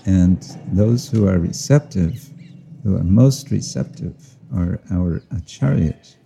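A man giving a slow, reflective devotional talk outdoors to listeners, often chuckling and explaining Sanskrit and Bengali terms. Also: deep voice, lively intonation, gravelly, dark tone, a little hiss or hum. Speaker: spiritual teacher. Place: outdoors with listeners, sun overhead.

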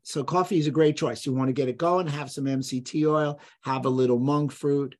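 An emphatic man lays out health claims as a podcast guest, blunt and sure of himself. His voice sits in an ordinary middle pitch. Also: fairly even intonation, fairly quick, darkish tone. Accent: none, trained out of New York accent. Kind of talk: conversational podcast interview.

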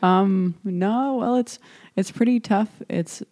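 In a mid-range, slightly mellow voice, a young American woman speaks slowly as a podcast host in casual conversation. A native English speaker, she comes across hesitant and self-deprecating, laughing frequently.

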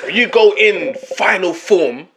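A man's voice: high-pitched, lively intonation, takes it slowly, bright, forceful tone. A young man with a London roadman accent and slangy, repetitive delivery, bantering casually as a podcast host.

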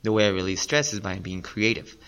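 Man, late thirties, low pitch, casual podcast guest, earnest, repetitive. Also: fairly quick, a bit bright, clean tone. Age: 30s. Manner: rambling, earnest, repeats himself. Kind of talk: casual interview talk.

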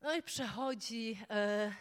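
A woman preaching a sermon, moving from soft storytelling to loud, fervent declarations. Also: a little high, takes it slowly, clear, resonant tone, long reverb tail.

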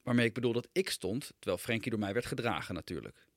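A man's voice: fairly low pitch, expressive, fast, dry recording. A man, a writer, reading aloud his own humorous personal essay with dry, wry storytelling.

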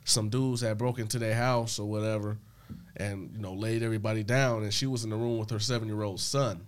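A man's voice: fairly low pitch, steady tone, a little fast, smooth. A man co-hosting a casual podcast, telling news stories in a loose, rambling way, with lots of fillers and profanity. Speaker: podcast co-host. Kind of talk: casual chat.

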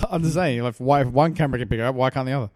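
A man's voice: mid-range voice, rapid-fire, a little mellow, no echo. A man co-hosting a podcast, chatting casually and throwing in dry, skeptical remarks. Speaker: podcast co-host. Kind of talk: casual chat.

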